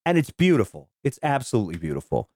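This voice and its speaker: A man hosting a casual film podcast, telling the story in an animated way with swearing and laughs. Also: medium pitch, fast, no room sound, studio quality. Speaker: podcast host.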